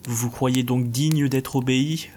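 A man reading aloud, voicing a contemptuous bodiless male spirit that speaks slowly and commandingly. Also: medium pitch, flat delivery, a little mellow, slight background noise, natural voice. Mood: scornful. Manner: scornful, slow and commanding.

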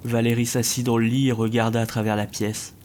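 A man reading a dark fantasy story aloud as narrator, steady and measured. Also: medium pitch, slight background noise. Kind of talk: scripted narration.

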